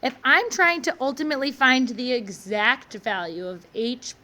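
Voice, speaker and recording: A woman's voice: sits high, sing-song, normal speed, bright, forceful tone, slight background noise. A woman teaching math in a classroom, walking through each step and asking the class encouraging questions. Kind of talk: classroom lecture.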